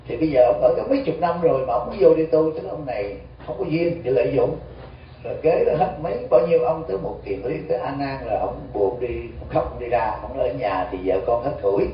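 A man's voice: medium pitch, slight background noise. A Buddhist monk gives a dharma talk, tells stories and keeps asking his audience questions. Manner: storytelling, asks the audience questions. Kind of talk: sermon. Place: community center hall. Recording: distant, dull, echoey hall recording.

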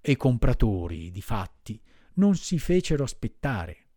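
A man narrating a children's classic audiobook in a measured, expressive way. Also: medium pitch, no echo, studio quality. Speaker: audiobook reader.

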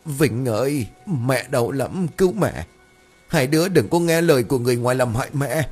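A man's voice: mid-range voice, big pitch swings, moderate pace, slightly rough, soft background music, voice pushed up. A man voicing a demon-possessed old woman in an audiobook, snarling threats and whining for pity. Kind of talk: audiobook character voice.

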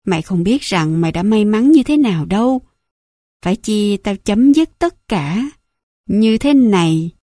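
A woman's voice: medium pitch, animated, fairly quick, hardly any pauses, mellow, dry recording, studio quality. A woman voicing a cruel, scornful middle-aged mother who smokes and mocks her son. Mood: sneering. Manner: sneering, mocking, contemptuous.

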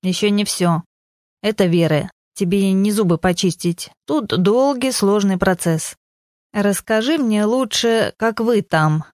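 A woman voicing a devout grandmother in her sixties, speaking slowly on the phone in an audiobook. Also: medium pitch, lively intonation, a little mellow, dry recording, clean studio sound, lightly acted. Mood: cheerful. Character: grandmother on a retreat, devout, warm.

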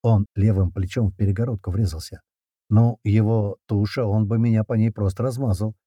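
Low, dark-voiced man narrating. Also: steady tone, slightly rough, no room sound. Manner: brisk, slangy first-person narration with shouted character lines. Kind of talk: audiobook narration with character voices.

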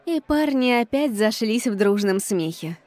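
A woman's voice: on the high side, lively intonation, unhurried, darkish tone, no room sound, a faint crowd. A woman reading a first-person audiobook with an ironic, exasperated tone. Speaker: audiobook reader.

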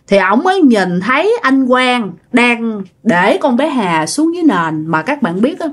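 Chatty woman storyteller. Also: a little high. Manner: chatty, addresses listeners directly, many fillers. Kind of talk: conversational ghost story narration.

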